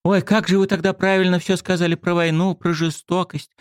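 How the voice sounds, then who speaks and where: A man voicing a shy, excitable teenage girl who talks in eager, confiding bursts. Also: sits high, fairly quick, smooth, no room sound, studio quality, voice pushed up, lightly acted.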